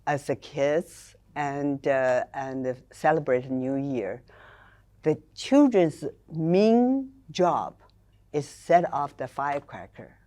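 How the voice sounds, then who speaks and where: Low-voiced older woman, slow and mellow. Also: expressive. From China and Taiwan. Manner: careful, explanatory storytelling. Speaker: guest. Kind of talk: conversational interview.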